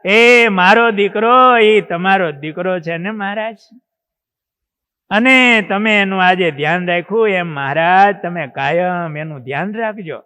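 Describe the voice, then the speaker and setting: A man's voice: high voice, measured pace, pushed and bright, smooth. A man voicing a grieving older mother who tearfully pleads for her son, in a reverberant hall. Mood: pleading. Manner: tearful, imploring.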